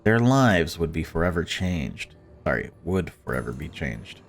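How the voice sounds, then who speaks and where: A let's-player with a bass voice reads a visual novel aloud, breaking in with informal, sweary reactions. He's very animated yet keeps a measured pace, and faint music plays behind him.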